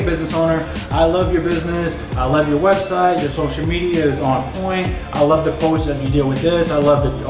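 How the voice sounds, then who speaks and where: A young business coach, his voice stuffy from a cold and pitched slightly high, gives a whiteboard tutorial in a bright office. He speaks directly and energetically, often checking in with the viewer, while music plays clearly in the echoing room.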